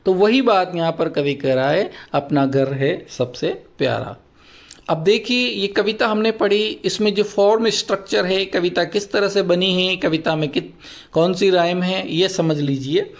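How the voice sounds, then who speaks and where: A man from Rajasthan teaching an English poem, reading English notes slowly word by word and then explaining each point patiently in Hindi. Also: high-pitched. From Rajasthan, India. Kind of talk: bilingual poetry lesson.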